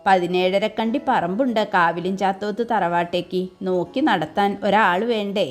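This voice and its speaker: A woman's voice: mid-range voice, fairly even intonation, moderate pace, faint music behind, lightly acted. A woman reading the part of an older matriarch of a noble household who speaks firmly but kindly. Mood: reassuring. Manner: commanding, reassuring.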